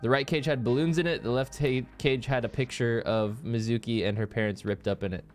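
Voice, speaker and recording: A man's voice: medium pitch, steady tone, a little fast, faint music behind. A man streaming a game, recapping it in casual chat and jumping into silly voices and sound effects.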